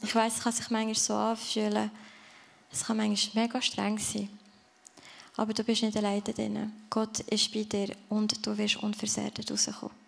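Gravelly-voiced woman preaching. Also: mid-range voice, completely flat delivery, normal speed. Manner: earnest, speaks directly to the listener. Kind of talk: sermon with closing prayer. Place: church service.

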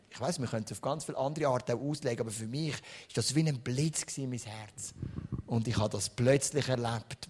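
A man with a Swiss German accent preaching a sermon in an animated storytelling way, swinging between soft and loud. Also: medium pitch.

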